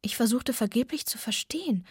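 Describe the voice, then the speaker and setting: Breathy woman reading a novel softly. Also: a little high, a little fast, no echo, studio quality. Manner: soft, often drops to a near whisper. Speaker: audiobook narrator. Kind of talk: first-person novel reading.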